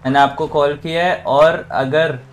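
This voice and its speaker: A man's voice: a little high, fairly even intonation, unhurried, a crowd in the background. A man in a role-play game calling for backup, urgent and panicked. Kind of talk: casual role-play banter.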